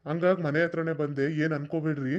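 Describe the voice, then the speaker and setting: A man voicing a kindly village neighbour who acts as a big brother, encouraging and warm-hearted. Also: a little high, fairly even intonation, quick pace, muffled recording, lightly acted. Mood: apologetic.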